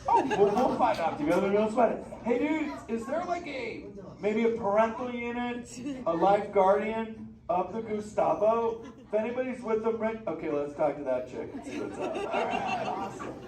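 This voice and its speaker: A man's voice: sits high, sing-song, normal speed, crowd noise. Crush, a man doing a stoked surfer-dude sea turtle. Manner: slangy surfer drawl, stoked and playful. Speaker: live show character chatting with audience. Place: indoor theater show. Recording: echoey theater, distant, noisy.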